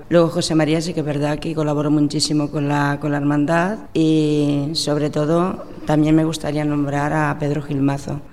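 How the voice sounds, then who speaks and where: A woman's voice: low voice, a little mellow. A middle-aged woman from La Mancha, answering in a radio interview in an earnest, reflective way. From La Mancha, Spain. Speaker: president of a religious brotherhood. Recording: reverberant room.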